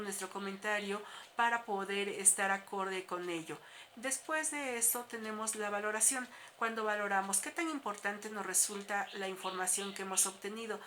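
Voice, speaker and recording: A woman, a teacher explaining a class lesson in a steady, explanatory way with frequent filler sounds. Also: mid-range voice, slight background noise.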